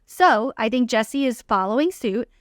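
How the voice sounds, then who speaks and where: A woman's voice: on the high side, lively intonation, a little slow, dry recording, studio quality. A woman co-hosting a reality TV recap with casual, opinionated commentary in informal, slangy phrasing. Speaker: podcast co-host recapping reality TV.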